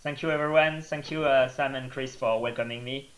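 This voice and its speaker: French-accented male guest, halting delivery full of fillers, middle pitch. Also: fairly even intonation, a bit bright, rough recording. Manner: hesitant, many filler pauses. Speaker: guest trail runner. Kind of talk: casual podcast interview.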